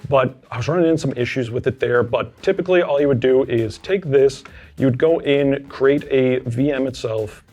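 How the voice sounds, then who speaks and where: A man presenting a homelab tutorial, talking casually through a screen-share walkthrough and thinking aloud, relaxed and self-deprecating as he clicks around. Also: medium pitch, moderate pace, lo-fi sound.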